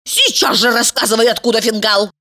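A woman's voice: a little fast, pushed and bright. A woman voicing a bossy, scheming young woman who scolds and shrieks at her friend. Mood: scolding, shrill. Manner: shrill, scolding, sarcastic.

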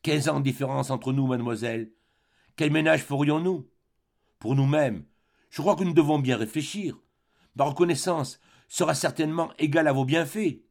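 A man's voice: a little high, moderate pace, vocal fry, a little mellow. A man reading an audiobook, voicing a naive, timid young male artist who speaks hesitantly and earnestly.

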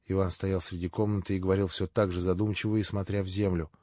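Measured male audiobook narrator, dull lo-fi sound. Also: low-pitched, little pitch movement, warm tone, no room sound.

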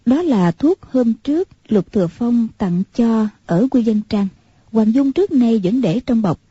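A woman narrating a martial-arts novel in a steady, measured way. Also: fairly high pitch, breathy edge, dry recording. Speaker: audiobook narrator. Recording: muffled lo-fi recording.

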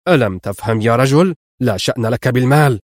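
A man voicing a brash, violent male agent who talks in a low, gruff, boastful way. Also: normal speed, dry recording, studio quality, close to an everyday voice.

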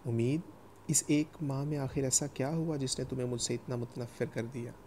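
A man's voice: medium pitch, steady tone, warm tone, slight background noise, natural voice. A man reading an earnest, pleading young husband. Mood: insistent.

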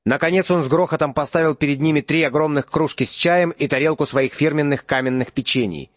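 A man narrating an audiobook in an even, steady storytelling manner. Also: on the high side, a little fast, no room sound, muffled recording. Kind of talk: scripted narration.

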